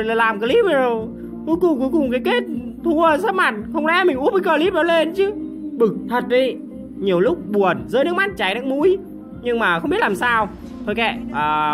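A hoarse woman commentating her mobile game in a casual, excitable way, breaking into loud exclamations and repeating short cries. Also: fairly high pitch. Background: music.

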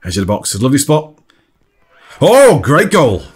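A man giving relaxed, chatty commentary over an amateur football match, often laughing. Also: medium pitch, normal speed, husky.

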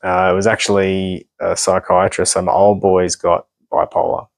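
A man's voice: low-pitched, level tone, normal speed, no echo. A young man telling his own story as a podcast guest, blunt and full of swearing, with rambling asides. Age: young adult. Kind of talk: candid personal storytelling.

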